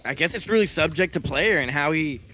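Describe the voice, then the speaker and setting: A man's voice: a little high, expressive, fairly quick, bright, forceful tone, slight background noise. A man giving casual live game commentary in an informal, exclamatory way. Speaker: esports commentator.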